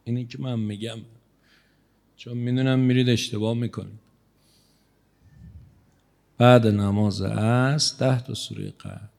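Gravelly-voiced male cleric preaching. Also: mid-range voice, steady tone, long pauses. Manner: conversational, teasing the audience, shifting loudness. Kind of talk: religious sermon to a congregation.

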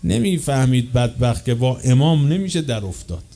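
A man preaching a sermon with passion, swinging from loud, slow declaiming to quick, quieter asides. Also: medium pitch, expressive, gravelly. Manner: chants quoted chains of narrators slowly.

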